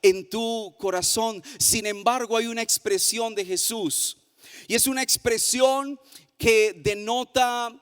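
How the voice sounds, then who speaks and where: High-voiced preaching man in a hall. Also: fairly even intonation, smooth. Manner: sing-song preaching cadence, slowing for emphasis. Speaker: pastor. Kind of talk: sermon. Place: church hall.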